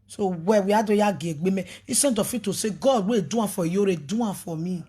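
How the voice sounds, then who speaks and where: This woman is a ministry leader giving an animated talk on a live video, preachy and emphatic, mixing pidgin, English and a local language. Her mid-range voice is brisk and warm with a breathy edge.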